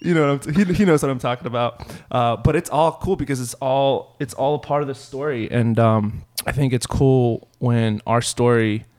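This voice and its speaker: A man's voice: medium pitch, moderate pace, hardly any pauses, a little mellow. Chatty podcast host man. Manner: chatty, lots of "dude" and "bro". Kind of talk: casual interview conversation.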